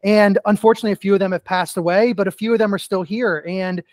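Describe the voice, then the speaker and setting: A middle-aged man speaks as a podcast guest, his voice sitting high for a man. He tells earnest personal stories, peppered with "you know". The sound is dry and close, with little room. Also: fairly even intonation, fast, a little mellow, no room sound. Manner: earnest storytelling with many "you know" fillers. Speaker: guest, author and keynote speaker. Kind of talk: casual podcast interview.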